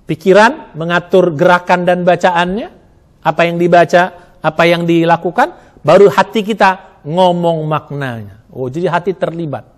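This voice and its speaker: A man's voice: high voice, moderate pace. A middle-aged man, an Islamic preacher giving a lesson on prayer, reciting Arabic lines and explaining them with rising emphasis.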